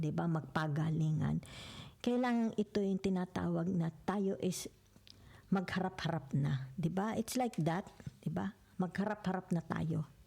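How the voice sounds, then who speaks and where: A woman talks through a tarot spread in a low, gravelly voice. Her tone is dark and mellow, and she drifts into soft whispers now and then. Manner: chatty, mixes English into Tagalog, keeps checking "di ba?"; drops into whispers at times. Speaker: tarot reader. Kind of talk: casual tarot reading.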